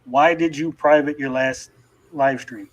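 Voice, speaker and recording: A man's voice: medium pitch, steady tone, measured pace, low-quality recording. A man hosting a livestream panel, asking probing questions in a casual conversational way. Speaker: host.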